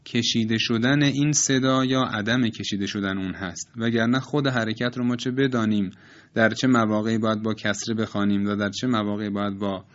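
A man calmly explaining Quran recitation rules step by step, reciting each example slowly and repeating it. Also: fairly low pitch, muffled recording.

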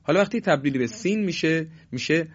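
A man teaching a Quran recitation lesson, explaining letter sounds slowly and patiently in polite, formal phrasing with drawn-out examples. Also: on the high side, animated, lo-fi sound. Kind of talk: tajwid lesson on letter qualities.

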